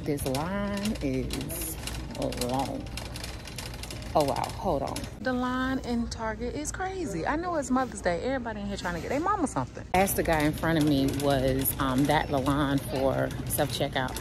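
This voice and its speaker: A woman's voice: low-pitched, expressive, moderate pace. Chatty woman vlogging in a store. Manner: chatty, informal slang, talks to viewers as loves. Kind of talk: casual vlog chat. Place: store and mall, indoors.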